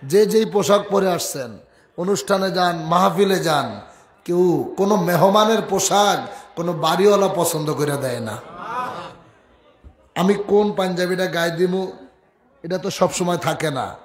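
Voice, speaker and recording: Preacher guy, high voice, slow storytelling, shouts a lot. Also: reverberant. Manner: shouts to the crowd, drawn-out storytelling. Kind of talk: religious sermon.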